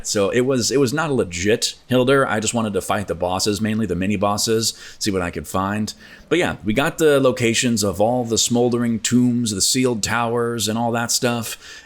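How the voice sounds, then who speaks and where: A man with a fairly low voice talks through his gameplay in a relaxed, chatty way. He laughs often at his own mishaps. Faint music plays softly underneath. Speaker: gaming video host. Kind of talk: casual gameplay commentary.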